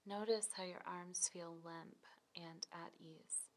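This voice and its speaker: Soft breathy lady doing a guided relaxation, almost whispering, really slow, bit of crackle in the voice. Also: lowish voice. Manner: slow, calm, soothing instruction. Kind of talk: scripted guided muscle relaxation.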